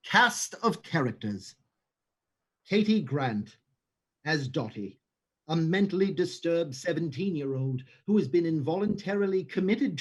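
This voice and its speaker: A playwright with a husky voice on the high side narrates the cast list and stage directions of a play reading, dropping dry, sarcastic asides. He's livestreaming through a home microphone.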